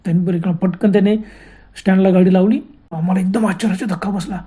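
A man narrating a first-person horror story in a dramatic, breathless way, with sudden loud cries. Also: sits high, steady tone, fast, breathy edge.

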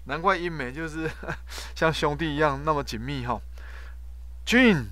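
A male professor teaching English word roots, loudly repeating each word to drill its pronunciation and tagging phrases with a short "ha". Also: fairly high pitch, a little slow. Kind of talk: classroom vocabulary lesson.

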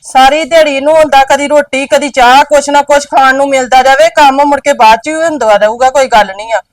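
A woman's voice: sits high, steady tone, a little fast, dry recording, lightly acted. A woman playing a bossy, dismissive aunt who gives orders to her nephew about farm chores. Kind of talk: village short film acting.

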